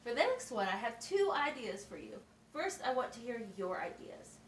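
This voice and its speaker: With big pitch swings in a voice on the high side, a woman speaks at a moderate pace as a patient schoolteacher in an amateur puppet show. She explains simply, asks checking questions, and sounds encouraging and patient. The audio is roomy from a distant mic, with faint noise.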